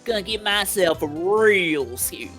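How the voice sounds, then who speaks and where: A woman's voice: fairly low pitch, expressive, unhurried, a bit bright, soft background music. A woman voicing a brash, cocky female cowgirl photographer with a put-on Southern accent and a folksy drawl, reading game dialogue aloud. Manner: folksy drawl with country phrases.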